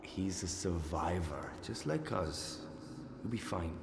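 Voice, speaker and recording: A protective, loving young papa in a game drama. His earnest, coaxing delivery swings widely in pitch, heard in an echoey space. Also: sing-song, takes it slowly, full character voice. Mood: sheepish, reassuring. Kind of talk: video game drama dialogue. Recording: echoey room with clear background noise.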